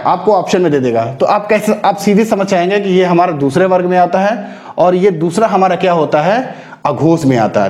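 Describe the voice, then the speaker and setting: A man teaches Hindi grammar for exam prep in a classroom style, explaining step by step and answering his own rhetorical questions. His voice is high but darkish in tone, and the room is reverberant.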